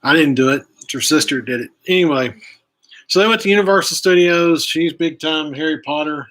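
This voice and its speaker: This is a man hosting a casual live stream outdoors, with a fairly high voice and a bright, forceful tone. He rambles in a friendly way, trails off, and backs up to correct himself as he goes. He speaks to a camera that he sets up himself. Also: brisk. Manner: rambling, self-correcting, chatty. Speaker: host of a live outdoors channel. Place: outdoors, chilly. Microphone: camera he angles himself.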